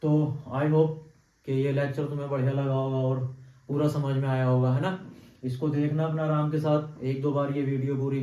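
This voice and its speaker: A man's voice: medium pitch, flat delivery, mellow. Man teaching chemistry, quizzing students. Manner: quizzes students with constant checks like "clear?"; answers his own questions, slow stepwise counting. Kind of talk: classroom lecture at a board. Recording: echoey room, distant mic, dull sound.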